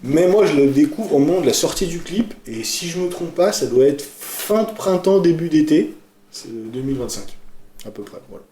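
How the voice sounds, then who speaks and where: A man co-hosting a casual music podcast, talking about a song he loves with frequent hesitations and clear enthusiasm. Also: on the high side, expressive, normal speed, dark tone. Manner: hesitant, many fillers, enthusiastic. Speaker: podcast co-host presenting a song. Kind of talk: casual chat. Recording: echoey room.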